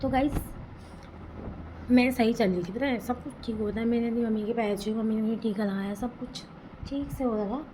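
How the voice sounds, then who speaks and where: Chatty young woman with a high voice. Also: brisk, mellow, poor audio. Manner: chatty, rambling, emotional. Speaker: vlogger. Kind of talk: casual storytelling vlog. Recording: background noise.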